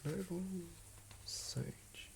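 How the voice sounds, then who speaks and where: A man with an Australian accent whispering in a musing, rambling ASMR style as he builds a game character. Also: drawn-out words. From southern Australia. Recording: noisy ambient background.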